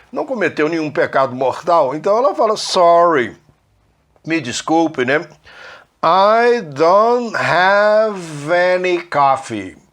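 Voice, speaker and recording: A man with a Brazilian Portuguese accent teaching an English lesson, explaining slowly and checking in often with the learner. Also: fairly high pitch. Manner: patient, repetitive, checks in with "né?" and "ok?".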